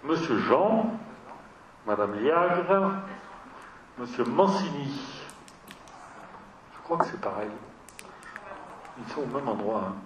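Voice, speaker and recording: A man's voice: medium pitch, expressive, slow pace, pauses often. Hesitant man chairing a council meeting. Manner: hesitant, many fillers and restarts. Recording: echoey room, mic far off, dull sound, faint noise.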